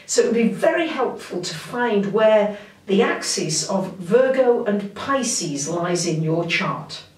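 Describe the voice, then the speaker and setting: A woman astrologer giving a monthly forecast in a gentle, unhurried, reflective way. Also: medium pitch. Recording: roomy, mic at a distance.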